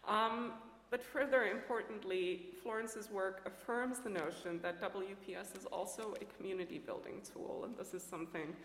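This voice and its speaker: A woman's voice: mid-range voice, steady tone, normal speed, fairly bright tone. A woman panelist giving earnest, scholarly remarks with some fillers. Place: large lecture hall. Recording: echoey hall.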